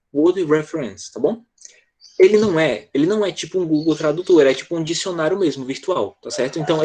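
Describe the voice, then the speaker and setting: A man's voice: on the high side, darkish tone, a little hiss or hum. A man teaching English in an online class, explaining step by step and checking often that students follow. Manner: explanatory, with frequent "tá?" check-ins.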